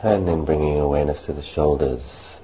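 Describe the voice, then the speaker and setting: A man leading a guided meditation as its teacher, speaking in slow, calm, soft phrases. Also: extremely low pitch, rough recording.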